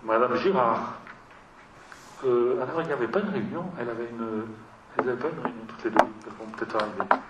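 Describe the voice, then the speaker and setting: A man's voice: medium pitch, fast talker. A man chairing a town council meeting, talking hesitantly with many fillers and restarts. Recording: echoey room, mic far off, dull sound, faint noise.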